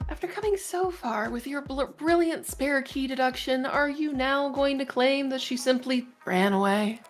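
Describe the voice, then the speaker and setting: High, smug prosecutor, read by a woman, sarcastic and cutting. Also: normal speed, faint music behind, lightly acted. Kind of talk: reading a courtroom visual novel aloud.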